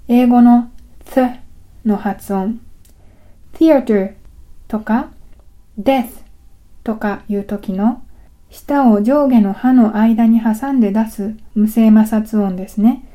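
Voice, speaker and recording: Woman teacher, scripted pronunciation lesson, unhurried delivery, a bit high. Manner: calm, deliberate explaining. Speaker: language teacher.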